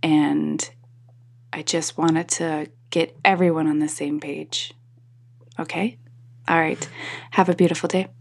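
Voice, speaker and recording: A woman podcast host with a husky, sleepy morning voice, rambling casually to her listeners. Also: little pitch movement, slow, long pauses. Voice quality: husky, slightly deeper morning voice. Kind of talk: casual solo talk to listeners.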